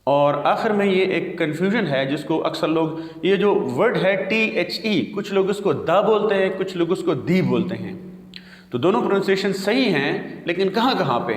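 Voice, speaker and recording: A man gives a pronunciation lesson in a slightly high voice, slowing down to spell each word out. The room is bare and echoey, with a long reverb tail behind him. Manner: slow, deliberate spelling out of words. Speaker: English teacher.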